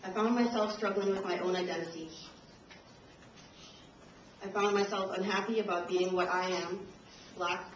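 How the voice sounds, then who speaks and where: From a camcorder in the audience of a university lecture room comes a distant, roomy, dull and noisy recording of a young invited speaker from Trinidad and Tobago. She reads her prepared speech at a moderate pace with medium pitch and fairly even intonation, pausing often, a little nervous and laughing occasionally.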